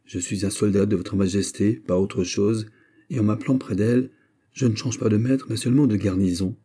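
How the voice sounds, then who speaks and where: Man reading an earnest courtly young soldier, soft, dark husky voice. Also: lowish voice, steady tone, moderate pace. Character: gracious, modest young nobleman soldier. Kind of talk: audiobook character voice.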